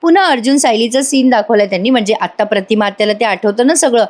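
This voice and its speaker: A woman's voice: fairly high pitch, fast talker, a little mellow. A woman doing a voice-over recap of a TV serial episode, chatty and speaking straight to her viewers. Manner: chatty, addresses viewers directly.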